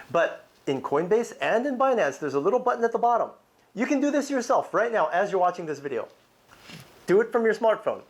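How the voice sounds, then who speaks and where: Man, urgent promo talk, repeats himself, fairly high, very animated pitch. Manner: insistent, repetitive, addresses viewer directly. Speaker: crypto video host.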